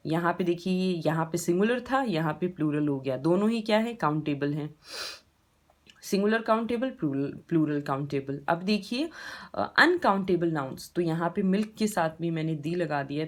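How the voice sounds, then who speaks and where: A woman with an Indian accent teaching English grammar step by step in a patient classroom style, asking rhetorical questions as she goes. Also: deep voice.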